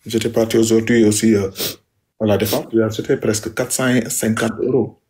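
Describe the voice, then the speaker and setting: A man's voice: lowish voice, flat delivery, brisk, a little mellow, a little hiss or hum. A man, speaking to his wife in an emphatic, repetitive, aggrieved way. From Senegal. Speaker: husband addressing his wife. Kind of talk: heated personal address.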